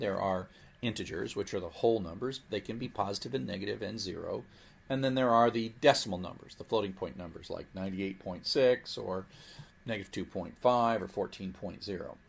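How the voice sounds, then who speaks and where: A programming instructor gives a recorded lecture in a low, gravelly voice with a breathy edge. He explains things patiently and slips in playful asides where he voices the computer.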